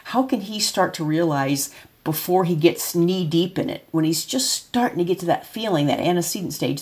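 A middle-aged woman with a somewhat low voice talks casually as a parent. She explains her ideas patiently and step by step, circling back and restarting sentences as she works through a point. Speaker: parent of a child with developmental delay.

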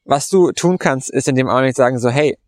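A man's voice: mid-range voice, fairly quick, darkish tone, no room sound, studio quality. Rambling colloquial male podcast host. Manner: rambling, heavy on fillers and restarts; colloquial, slangy. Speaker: podcast host and meditation coach. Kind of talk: casual spoken storytelling.

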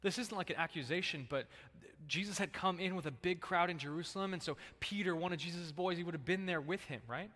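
A man preaching a sermon to a congregation. He talks in a relaxed, chatty way and jumps into animated voices when he quotes people. His voice rings out with a long hall reverb. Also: high voice, quick pace, few pauses. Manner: casual, conversational preaching with lively acted-out quotes. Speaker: pastor.

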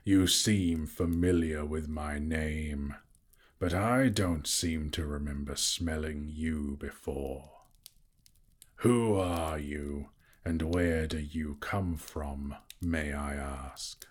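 A man voicing a slow, sly, sneering male dragon in a storybook reading, drawing out each word with mocking menace. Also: rumbling low, exaggerated voice. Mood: suspicious.

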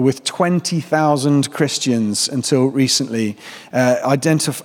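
Male vicar, mid-pitched, relaxed joking sermon, long hall reverb. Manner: casual, joking, many fillers. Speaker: Church of England vicar.

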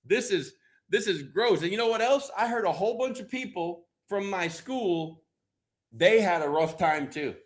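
An American man preaching a sermon in a booming motivational style, emphatic and conversational, with dramatic pauses. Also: lively intonation.

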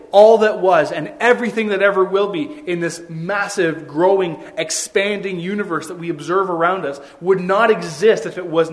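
Earnest high-voiced male preacher. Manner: conversational, earnest preaching with frequent restarts and asides. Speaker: pastor. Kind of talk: sermon.

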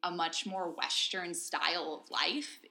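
A woman's voice: on the low side, fairly even intonation, a little slow, gravelly, sharp tone. A woman co-hosting a podcast, explaining points methodically and often checking in with "right?". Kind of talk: casual academic discussion.

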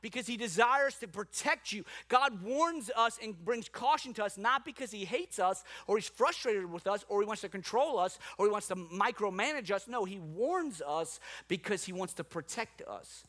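A man's voice: sits high, expressive, moderate pace, few pauses, pushed and bright. A man from New Orleans preaching a sermon as a pastor, with rhetorical questions and repetition. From New Orleans, USA.

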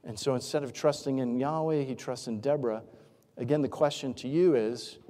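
Male pastor, conversational sermon, rhetorical questions, mellow dark voice, long hall reverb. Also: medium pitch.

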